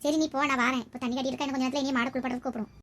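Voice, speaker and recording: A kind but blunt young village wife, as a woman acts her out. She talks in a lively way with a high voice at a rapid pace. It is a village comedy skit.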